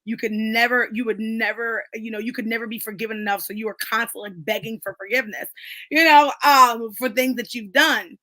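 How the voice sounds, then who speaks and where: A woman's voice: a little high, steady tone, a little fast, pushed and bright, no room sound. A woman in casual, emphatic conversation about faith at a book club, talking with lots of fillers.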